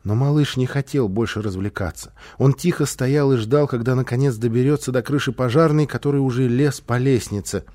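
A man reading a children's story aloud, with an expressive, animated delivery. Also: mid-range voice, fairly quick, few pauses. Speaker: narrator.

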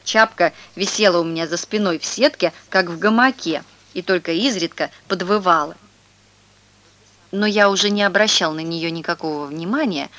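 Woman reading a children's story aloud. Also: fairly low pitch. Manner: lively, expressive reading.

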